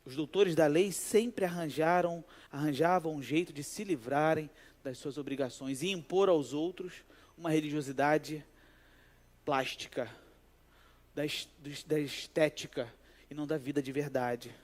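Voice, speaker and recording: A man, a pastor giving a sermon in an animated, conversational way and telling a personal story. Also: fairly high pitch, unhurried. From Brazil.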